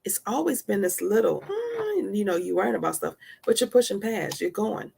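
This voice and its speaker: A woman's voice: medium pitch, big pitch swings, normal speed, creaky, darkish tone, breathy edge. A woman in her forties hosting a live stream, giving a heartfelt motivational talk with earnest, repeated, preacher-like emphasis. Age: 40s.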